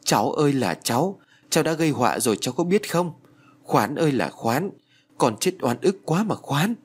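A man voicing a grieving elderly grandmother who laments in drawn-out cries, reading a storybook. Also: medium pitch, sing-song, husky. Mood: wailing.

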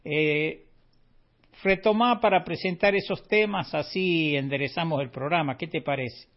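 A man's voice: a little high, measured pace. A man hosting a radio show in a casual, wry way, often tagging his remarks with questions. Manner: chatty, wry, with frequent tag questions. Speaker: radio host. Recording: dull lo-fi radio feed.

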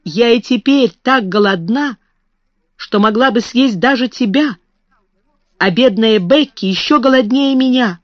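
Woman doing a proud hungry little schoolgirl, slightly higher voice, slow and careful, dry muffled sound. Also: no room sound, natural voice. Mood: bitter. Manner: restrained, then bitter. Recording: dull, slightly muffled recording.

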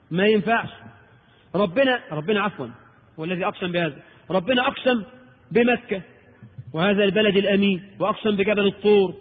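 A man preaching a lecture in Egyptian Arabic, animated and rhetorical, asking and answering his own questions. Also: sits high, breathy edge. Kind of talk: recorded Islamic lecture. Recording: tinny old tape in a reverberant hall.

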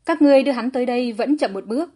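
Haughty saintess healer, read by a woman: proud, mellow husky tone, a little higher than the narration. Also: lively intonation, rapid-fire. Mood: defensive.

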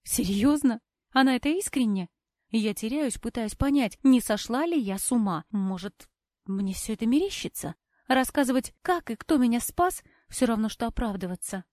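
Bright-voiced woman narrating an audiobook. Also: fairly high pitch, no echo, studio quality. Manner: measured, expressive. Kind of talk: first-person audiobook narration.

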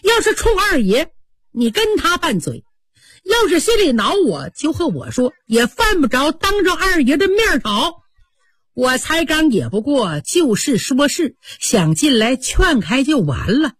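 A woman's voice: on the high side, wildly swooping pitch, a little slow, slightly rough, dry recording, clean studio sound, heavily acted. A woman voicing a patient young senior maid who speaks in a placating, reasoning way. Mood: indignant.

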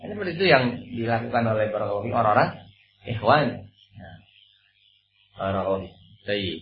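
Animated preacher man, lo-fi echoey room. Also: fairly low pitch, quick pace, slight background noise. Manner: animated, acts out quoted dialogue, repeats a blessing phrase as filler. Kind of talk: Islamic study sermon.

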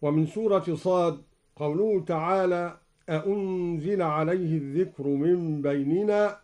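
A man's voice: on the high side, measured pace, mellow. A man explaining variant readings on the radio, chanting each example verse after his explanation. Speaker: Quran recitation teacher.

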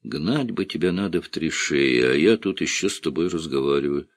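Low gravelly guy reading as a tired village woman, scolding, dry close mic. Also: animated, normal speed, no echo, full character voice. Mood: reproachful. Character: stern village woman, middle-aged, bitter and reproachful.

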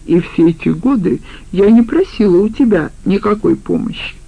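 A spiteful, scheming woman, as a narrator puts her on, sharp-tongued and brazen, her voice pitched higher. The tone is gravelly and the audiobook recording sounds dull. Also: lively intonation, normal speed. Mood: bitter. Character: spiteful scheming woman, the criminal's former partner.

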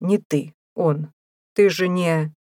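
A woman voicing a gruff, mocking male prison warder who bosses prisoners about in an audiobook. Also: fairly low pitch, slow, a little mellow, no room sound, clean studio sound. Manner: rough, taunting, bossy.

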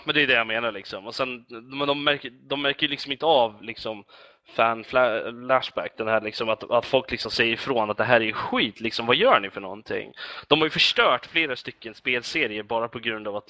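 A man's voice: mid-range voice, bright, forceful tone, no echo. A man in casual chat as a podcast guest, rambling with many fillers and restarts.

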